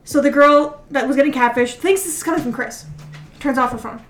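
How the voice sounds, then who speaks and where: A woman co-hosting a casual podcast, retelling a story rapidly and animatedly, peppered with "like" and swearing. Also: high-pitched, slight background noise. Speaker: podcast co-host. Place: indoor room, drinking with friends. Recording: echoey room.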